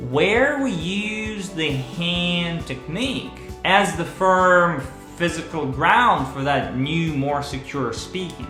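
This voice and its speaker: In a room full of echo, with faint music running underneath, a speech coach hosting his channel talks to camera in a high, pushed and bright voice. He paces himself slowly and earnestly, pausing with deliberate care.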